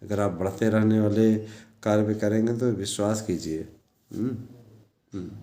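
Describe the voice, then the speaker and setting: Guy talking to his followers, repeats himself and urges them on, soft mellow tone, roomy echo. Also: fairly low pitch, steady tone, moderate pace. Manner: repetitive, exhorting, with frequent check-in tags. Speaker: teacher and online news presenter. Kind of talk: informal monologue addressed to followers. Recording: echoey room sound.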